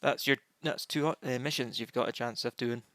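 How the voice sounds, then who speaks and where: A man running a tabletop game as game master, improvising in a halting way. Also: medium pitch, fairly even intonation, fairly bright tone, no room sound, clean studio sound.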